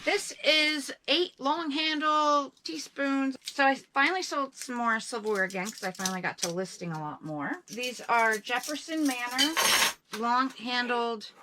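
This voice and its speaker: A woman's voice: a little high, bright, forceful tone, low-quality recording. A woman co-hosting a reselling show, chatting casually and teasing her partner. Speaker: reseller co-host. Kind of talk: casual chat.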